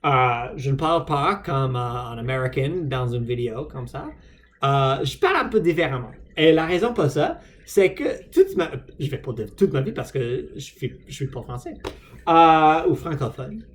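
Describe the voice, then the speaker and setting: A man's voice: medium pitch, sing-song, normal speed. An American man, a native English speaker, talking casually in French as a learner, hesitant and self-deprecating with many fillers. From United States. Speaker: vlogger. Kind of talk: casual unscripted vlog.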